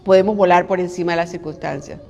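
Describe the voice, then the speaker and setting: A middle-aged woman giving a devotional sermon in an animated, conversational way, full of rhetorical questions. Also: on the low side, quick pace, gravelly, highs cut off. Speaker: preacher and devotional host. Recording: long hall reverb.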